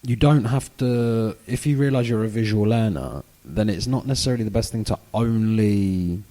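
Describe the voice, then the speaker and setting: Low-voiced British man, chavvy accent. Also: normal speed, warm tone. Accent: British, self-described chavvy. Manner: informal and rambling, many "you know"s. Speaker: podcast co-host. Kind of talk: casual educational chat.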